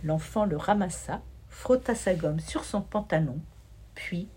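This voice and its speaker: A woman reading a children's story aloud, with an expressive, rhythmic delivery. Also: on the low side, a little slow, husky.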